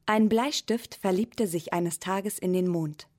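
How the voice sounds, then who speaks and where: A woman narrating a storybook tale in a calm, unhurried, expressive reading voice. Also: on the low side.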